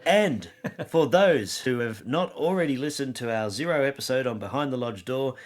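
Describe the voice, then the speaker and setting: A man from Australia co-hosting a scripted podcast with a measured, emphatic delivery. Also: mid-range voice, animated. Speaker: podcast co-host. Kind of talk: scripted comedic podcast banter.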